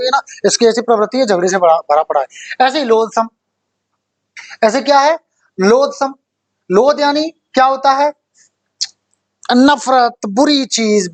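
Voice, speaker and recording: A young male teacher gives a spoken vocabulary lesson, coaxing students and quizzing them over and over. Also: very high-pitched. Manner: coaxing, repeats "theek hai bhai" and quizzes students.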